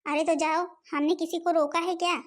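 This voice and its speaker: A woman voicing a stingy, sharp-tongued old grandmother and mother-in-law in a home-made cartoon. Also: extremely high pitch, little pitch movement, a little fast. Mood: scolding.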